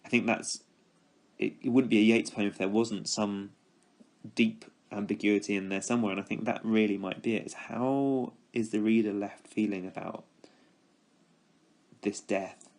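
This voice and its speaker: A male teacher talking through a poem for his students, thoughtful and measured, pausing with ums and restarts, and giving quoted lines extra weight. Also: fairly low pitch, fairly even intonation, gravelly. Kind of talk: spoken poetry analysis for students.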